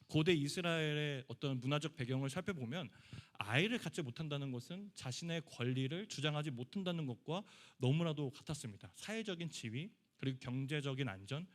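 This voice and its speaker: A young man giving a conversational sermon to a youth congregation in a church hall. He speaks casually and acts out the quoted lines of people in the story. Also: fairly high pitch. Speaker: youth pastor.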